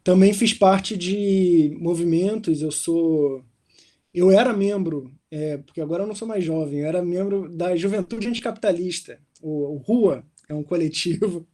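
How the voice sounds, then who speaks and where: Young male guest, slightly high, mellow voice, relaxed conversational delivery. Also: normal speed. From Rio de Janeiro, Brazil. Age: young adult. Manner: relaxed, with fillers like "né" and "assim". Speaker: guest, doctoral researcher. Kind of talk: conversational interview. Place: hotel room in London.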